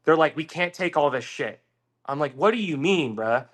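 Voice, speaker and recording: As a guest on a podcast, this man tells a long, casual story in a slightly high voice at normal speed. He's animated and swears freely, acting out the voices of the people he quotes.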